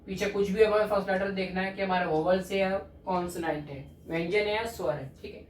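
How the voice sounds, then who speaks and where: A male grammar teacher explains slowly and patiently while writing on a board, repeating his points and checking that the class follows. He is recorded from across an echoey room, so his voice sounds distant and roomy. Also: sits high, steady tone, slight background noise.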